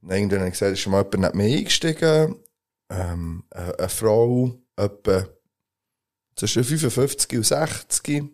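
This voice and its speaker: Relaxed Swiss German man telling a story. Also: lowish voice, normal speed. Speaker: podcast co-host. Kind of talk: casual chat, storytelling.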